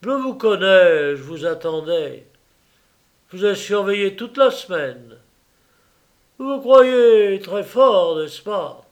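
A man's voice: high-pitched, animated, takes it slowly, voice pushed up. Man putting on a blustering furious millionaire. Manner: shouting threats, insulting.

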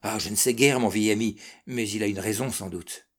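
A man's voice: fairly low pitch, brisk, lightly acted. A man voicing a proud, hearty old father waiting for his son's ship in a read-aloud story, exclaiming with gusto. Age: older.

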